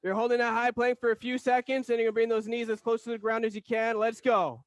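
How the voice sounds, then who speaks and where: Male aerobics instructor, very high register, driving and motivational cueing, dry sound. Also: fast, no echo. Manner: energetic, motivational aerobics instructor calling out cues and countdowns. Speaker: aerobics instructor leading a workout class. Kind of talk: fitness class coaching, counted cues.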